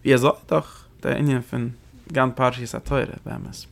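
A man with a gravelly, creaky voice teaching a lesson on religious texts. He talks quickly and explains as he goes. He keeps asking rhetorical questions and then answers them himself. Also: medium pitch, flat delivery. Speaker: Torah teacher.

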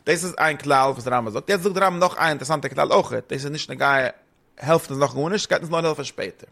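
Man, rapid, somewhat high voice, rambling study-partner explainer who switches languages. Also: gravelly, sharp tone. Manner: rambling, fast, mixes German with Hebrew and English terms. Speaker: teacher explaining a text. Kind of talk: casual study discussion.

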